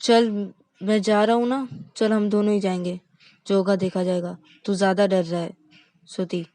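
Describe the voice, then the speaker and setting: A woman's voice: medium pitch, level tone, normal speed, dark tone, dry recording, lightly acted. Woman voicing a laid-back young guy. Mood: coaxing. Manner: casual, coaxing. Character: easygoing young man, reassuring buddy.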